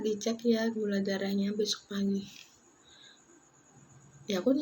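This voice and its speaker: A young woman telling a personal story in a vlog, halting and close to tears, tired, with many restarts. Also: medium pitch, slight background noise. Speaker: vlogger. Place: isolation ward room.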